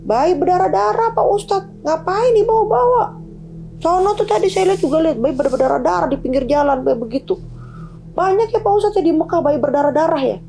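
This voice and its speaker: A woman's voice: expressive, brisk, creaky, warm tone, soft background music, full character voice. A woman voicing a frantic middle-aged wife on pilgrimage who sees things and pleads with her husband over and over. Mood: agitated. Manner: shrill, pleading, keeps repeating "Pak".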